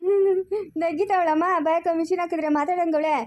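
A woman's voice: extremely high pitch, fairly even intonation, a little fast, mellow. A woman playing a playful grown son who teases and cheers others up, in a home-made family skit. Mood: teasing. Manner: teasing, cheerful.

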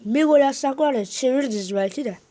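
A woman's voice: sits high, fast talker, warm tone. A woman giving casual gameplay commentary, talking to viewers and muttering reactions as she plays. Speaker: gaming video host.

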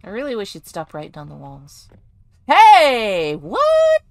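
A woman's voice: low voice, animated, fast talker, gravelly, a little mellow, no echo. A woman providing casual, jokey commentary while playing a horror game, talking to herself and yelping when startled. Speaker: gaming video host.

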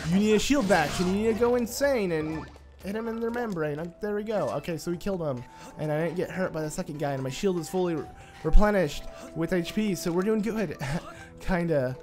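Talking a little fast, this US gamer gives excitable, meandering commentary as he plays, filling pauses with "uh" and "like." He has a somewhat high, congested, nasal tone, and quiet game music plays beneath.

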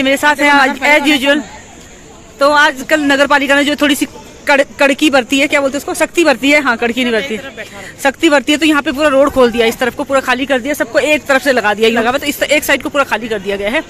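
A woman's voice: sits high, fairly bright tone. A woman walking through an outdoor market and vlogging on a handheld phone. She talks casually, repeats herself and corrects herself as she goes. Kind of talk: walking market tour vlog. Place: busy outdoor hill-town market. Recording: crowd noise from a busy street. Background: crowd chatter.

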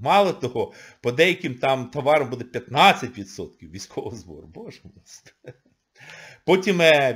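A man's voice: mid-range voice, husky. A man, an economist, giving a sarcastic, scolding video monologue full of exclamations.

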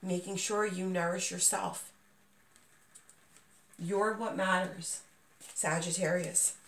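Her voice is fairly low and fairly bright, slow and fairly even, with vocal fry and not quite full strength as she gets over an illness. The woman, a tarot reader and channel host, reads cards informally at a table in a small, dim room, reassuring the listener directly. The echoey sound comes from a mic placed at a distance.

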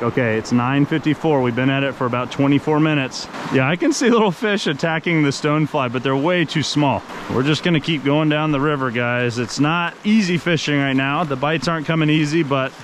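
A man's voice: a little high, noisy background. A man in his thirties filming a casual fishing vlog outdoors on a riverbank, chatting upbeat to viewers on a handheld action camera. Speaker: fishing vlogger. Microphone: action camera held at arm's length. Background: rushing river water.

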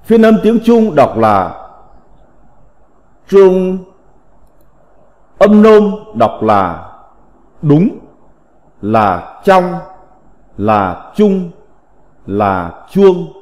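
A man teaching a slow recited vocabulary lesson, reading in a deliberate, measured way with drawn-out syllables. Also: a little high, very animated, a little mellow. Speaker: teacher of classical characters. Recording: long reverb.

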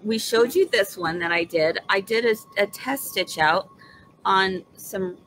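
A woman's voice: medium pitch, a little slow, a bit bright, a little hiss or hum, low-quality recording. A woman chatting casually and enthusiastically like a home shopping host during a live craft demonstration, checking in with her viewers. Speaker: host of a live embroidery demonstration and sales show.

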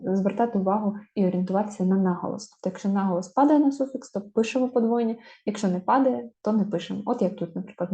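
Dark-voiced woman teaching spelling. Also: mid-range voice. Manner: slow, drawn-out stressing of example words. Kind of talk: spelling lesson. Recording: dull lo-fi sound.

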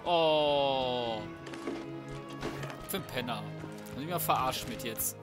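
A man with a mid-range voice talks slowly through a let's play, his commentary casual, slangy and cocky. He often mutters to himself over video game music and sound effects.

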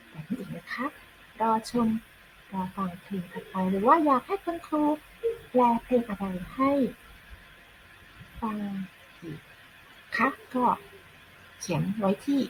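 A woman English teacher, explaining a song translation and reading English lines slowly and deliberately. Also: on the high side, slight background noise, rough recording. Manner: slow deliberate English, sings Thai lyrics in between.

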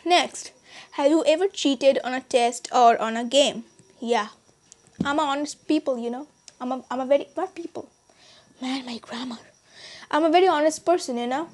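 With a high voice at a moderate pace, a teenage Indian girl rambles through a casual vlog chat for her subscribers. She speaks with an Indian accent, restarting and using fillers a lot, from a small bedroom indoors.

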